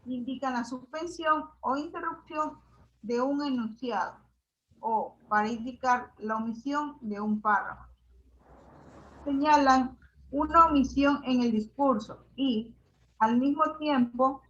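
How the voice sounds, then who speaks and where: Slow, high-voiced woman reading a lesson. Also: a bit bright. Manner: slow, careful reading of examples. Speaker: student presenter. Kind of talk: reading a class presentation. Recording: dull lo-fi audio.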